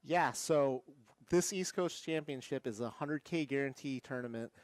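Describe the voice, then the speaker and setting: A man commentating on a live poker broadcast, talking in a halting way with many fillers and restarts. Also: medium pitch, no room sound.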